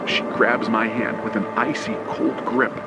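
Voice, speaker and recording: Speaking a little slowly with a level tone and vocal fry, a man with a mid-range voice narrates a first-person horror tale like an old radio drama, tense, suspenseful and clipped. Heavy noise fills the background: loud rain, thunder, storm and engine effects.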